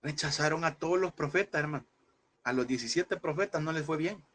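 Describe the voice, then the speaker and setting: A man's voice: on the high side, brisk, a bit bright. A man teaching a Bible class in a preaching style, emphatic and repeating phrases, often calling listeners brother.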